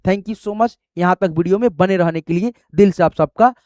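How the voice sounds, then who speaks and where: A man's voice: sits high, normal speed, a little mellow, dry recording, studio quality. A man teaching an online lesson, spelling English words letter by letter and quizzing viewers with repeated friendly fillers. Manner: repeats "doston" and "theek hai", quizzes the viewer.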